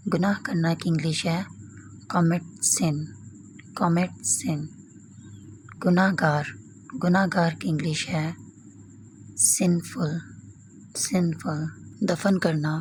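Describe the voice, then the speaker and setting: A woman's voice: lowish voice, slight background noise, poor audio. A woman teaching vocabulary, saying each term and then repeating its word twice.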